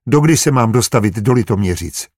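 A man's voice: mid-range voice, lively intonation, a little mellow, no room sound, studio quality, natural voice. A man reading aloud voices a weary, shaken young man in a storybook. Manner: plaintive, heartfelt.

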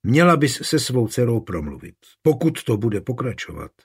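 A man voicing an irritable, defensive husband who talks gruffly. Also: mid-range voice, big pitch swings.

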